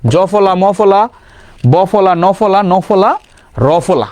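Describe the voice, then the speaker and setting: Young male teacher, high voice, dry close sound, rapid self-answered questions, casual lecture. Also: animated, darkish tone, no room sound. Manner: mixes English words into casual lecture. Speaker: grammar teacher. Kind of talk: online exam-prep lesson.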